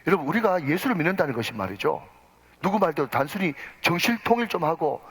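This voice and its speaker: A man's voice: fairly high pitch, very animated, fast, breathy edge. A male pastor preaching a sermon, emphatic, addressing the congregation and leading them in responses. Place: church sanctuary. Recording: long church reverb.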